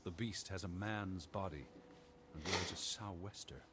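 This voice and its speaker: Low-voiced, weary, earnest gentleman. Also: a little slow, heavy background noise. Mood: solemn reading. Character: Edward, weary, earnest, restless gentleman searching for sister. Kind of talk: video game voice acting. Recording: game audio with music behind.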